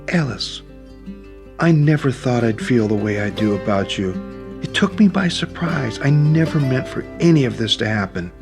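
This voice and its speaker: A man's voice: mid-range voice, lively intonation, normal speed, vocal fry, music in the background, pitched above the performer's own voice. A man reading an audiobook, voicing a tearful, anxious young woman who pleads emotionally.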